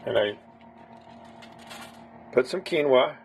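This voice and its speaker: A man's voice: mid-range voice, animated, slow pace, creaky, faint music behind. A man casually talking viewers through a home recipe step by step, in a rambling, chatty way. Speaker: home cook. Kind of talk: casual cooking demonstration.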